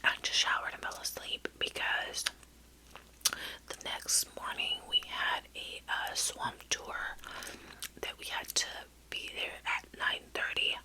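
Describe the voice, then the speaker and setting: A woman speaks in a soft, bright whisper as she chews gum, in an ASMR ramble. She sounds middle-aged and close to the microphone, wandering through her story with pauses and trailing phrases. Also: rough recording. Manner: chewing gum while talking. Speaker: ASMR vlogger.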